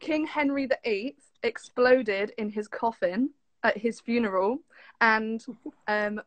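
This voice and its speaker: Speaking slowly at a fairly high pitch, a young southwest English woman who once worked as camp staff appears as a guest, giggling as she chats informally about fun facts. The recording is rough but has no room sound.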